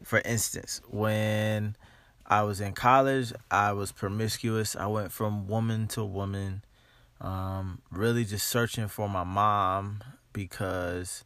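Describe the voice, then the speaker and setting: A man's voice: fairly low pitch, steady tone, slow pace, fairly bright tone, dry recording. A man hosting a motivational podcast, talking informally and emphatically, repeating key phrases and stretching words to drive them home.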